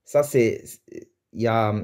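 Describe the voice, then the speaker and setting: A man's voice: on the low side, slow pace, a little mellow, clear, resonant tone. Man teaching, hesitant and chatty. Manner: hesitant, thinks aloud with restarts and chuckles. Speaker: Moroccan Arabic teacher. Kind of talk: casual explanatory lesson.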